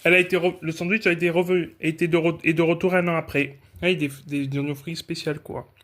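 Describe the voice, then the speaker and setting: A man's voice: on the high side, little pitch movement, fast, fairly bright tone. A young man from France rambling casually through a food-tasting vlog, often correcting himself mid-sentence. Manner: rambling, chatty, frequent self-corrections. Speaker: food vlogger.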